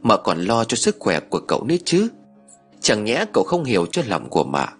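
A man's voice: fairly low pitch, wildly swooping pitch, a little fast, breathy edge, soft background music, exaggerated voice. A man doing an earnest young wife. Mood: pleading. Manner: earnest, pleading. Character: young wife, loyal and pleading.

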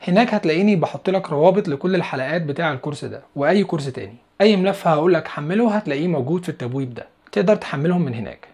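A man's voice: fairly high pitch, lively intonation, racing, few pauses, darkish tone, husky. A young man with an Egyptian Arabic accent teaching an English lesson on video, explaining step by step and repeating each word twice.

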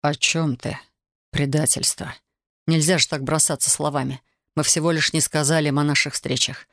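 Brooding young soldier, a woman reading him low and close, dry sound. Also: level tone, normal speed, fairly bright tone, dry recording. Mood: pressing. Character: young man, ardent soldier, intense and bitter.

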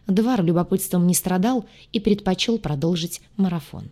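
A woman's voice: fairly low pitch, moderate pace. Woman narrating with wry irony. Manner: wry, ironic storytelling. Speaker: audiobook narrator. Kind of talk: expressive audiobook narration.

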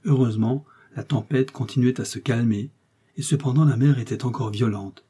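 A man reading a classic novel aloud as an audiobook narrator, measured and steady. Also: mid-range voice, husky. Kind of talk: scripted narration.

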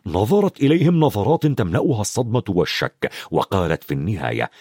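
A man narrating an audiobook in an expressive storytelling manner. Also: lowish voice, quick pace, husky, no room sound. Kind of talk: scripted narration.

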